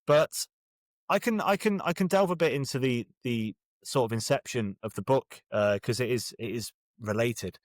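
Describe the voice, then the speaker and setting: In a relaxed interview, a Birmingham-born British author speaks at medium pitch and a normal speed, wryly stumbling and revising his thoughts as he goes. The sound is studio quality with no echo.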